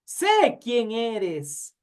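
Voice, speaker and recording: A man voicing an unclean spirit who cries out from inside a possessed man, in slow, drawn-out, strained cries. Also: very high voice, wildly swooping pitch, full character voice. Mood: anguished. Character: tormented unclean spirit crying out.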